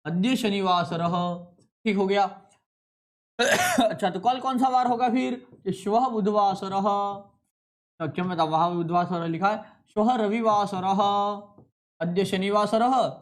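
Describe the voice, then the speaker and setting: A man teaching Sanskrit in a classroom lecture, who speaks, addresses his students as companions and repeats words slowly to drill them. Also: high-pitched.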